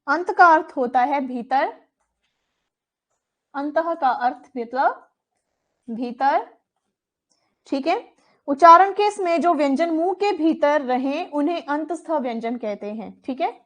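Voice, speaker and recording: A woman's voice: sits high, takes it slowly, long pauses, fairly bright tone. A woman teaching a Hindi grammar lesson for exam coaching. She repeats terms and asks questions, then answers them herself.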